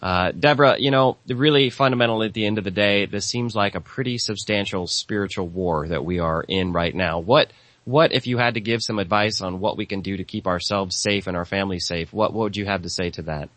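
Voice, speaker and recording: A man's voice: lowish voice, a little fast, fairly bright tone, no room sound. A man hosting a call-in talk show in a casual, agreeable, folksy and effusive way.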